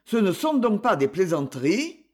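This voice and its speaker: A man reading aloud and voicing a blunt, heavy-set older father with a deep voice in a storybook. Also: very animated, moderate pace, a little mellow. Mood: gruff.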